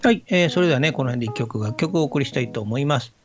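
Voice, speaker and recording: A man hosting a radio program in a casual, polite, unhurried manner, with many fillers. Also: mid-range voice, animated, dull audio. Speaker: radio host. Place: radio studio. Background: faint music.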